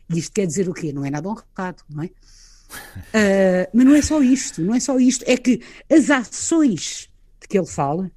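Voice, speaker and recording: A woman's voice: medium pitch, dark tone. A woman with a European Portuguese accent, a guest in a conversational literary discussion, explaining with animation and frequent tag questions.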